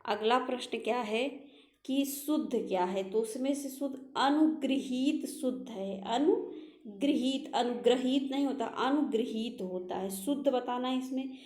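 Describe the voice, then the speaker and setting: A woman with a fairly high voice teaches a Hindi spelling lesson for exam preparation. She walks through each answer, says the correct word again and asks the class what the right form is. The sound carries around an echoey room. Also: measured pace, a little mellow. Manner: explains each answer, repeating words and quizzing with rhetorical questions.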